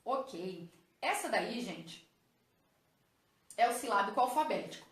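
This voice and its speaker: A woman's voice: a little high, lively intonation, slow pace. A woman, a teacher explaining a lesson patiently to viewers and checking in with them as she goes. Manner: patient, addresses viewers as "gente", checks with "ok?" and "tá vendo?". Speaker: teacher and educational psychologist. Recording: echoey room.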